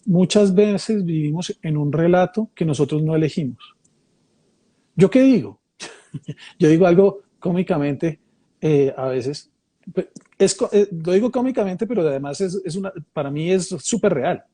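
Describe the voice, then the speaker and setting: Man with a high husky voice. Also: lively intonation, moderate pace, mellow. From Mexico, raised in Colombia. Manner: thoughtful, repeats key phrases, restarts and rephrases. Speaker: speaker leading a reflective conversation. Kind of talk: reflective conversational explanation.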